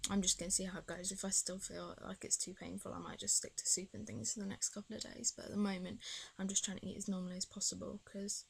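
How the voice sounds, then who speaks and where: Young british girl vlogging, kinda monotone w vocal fry, rambly, talks like her tongue is a bit swollen. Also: mid-range voice, quick pace. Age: young adult. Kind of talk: casual video diary chat.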